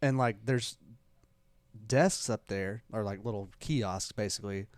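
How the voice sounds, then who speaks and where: A man's voice: fairly low pitch, measured pace, no echo. Rambling man telling stories. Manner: rambling storyteller, animated retelling with repeats. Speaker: podcast co-host. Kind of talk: casual chat.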